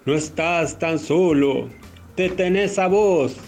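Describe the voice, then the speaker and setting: A man with an Argentine accent reading the lines of a gentle wind spirit in a children's legend, soft and slow. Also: fairly high pitch, faint music behind.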